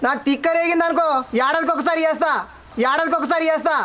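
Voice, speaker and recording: A man's voice: very high voice, steady tone, quick pace, bright, forceful tone. A man with a Telangana accent playing a lazy, stubborn village husband who fires back defensive comic retorts. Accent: Telangana Telugu. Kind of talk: comic short-film acting.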